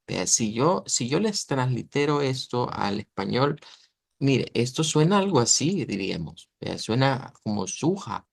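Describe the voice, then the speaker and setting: Explaining pronunciation in an online lesson, this man from Latin America takes a patient approach and keeps making sure his students are following. He speaks at medium pitch in a sing-song, slightly slow manner with vocal fry, and there's no echo.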